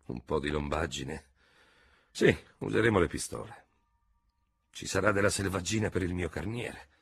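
Man doing a proud old cavalry general in a storybook reading, husky, low, given to thundering outbursts. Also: moderate pace. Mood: grumbling.

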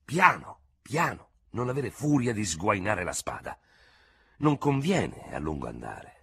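A man doing a calm grey-haired army surgeon. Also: fairly low pitch, gravelly, slightly rough, voice pushed up, full character voice. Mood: measured. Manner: measured, level-headed advice.

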